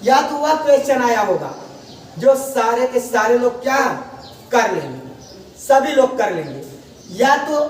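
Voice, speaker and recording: A man teaching a spelling lesson, slowly drawing out each word and asking his students to repeat it. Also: very high voice. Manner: slow, drawn-out repetition of words, often asks students back. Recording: echoey room from far off, faint noise.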